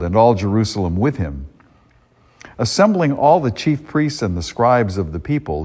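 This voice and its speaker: The man's voice is fairly low, a little mellow and slightly breathy. In church he reads the gospel and then preaches a homily conversationally, frequently starting his sentences over, while a long reverb echoes like a cathedral.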